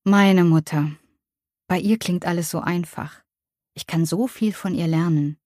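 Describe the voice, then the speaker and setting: A woman narrating an audiobook in a calm, measured, reflective way. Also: on the low side, dry recording, clean studio sound. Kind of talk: audiobook reading.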